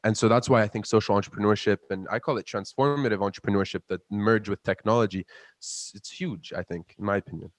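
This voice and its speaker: In a dry recording, a fast-talking man in his twenties with a lowish voice answers interview questions. He is a Palestinian student entrepreneur appearing as a guest, speaking with earnest passion and often repeating words to develop his point.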